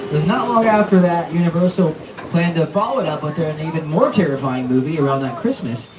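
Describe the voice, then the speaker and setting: A man working as a tour guide, chatting to passengers with playful mock drama, at times shouting as if calling out from shore. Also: fairly high pitch, animated, fairly quick, crowd noise. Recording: distant noisy tour tram loudspeaker.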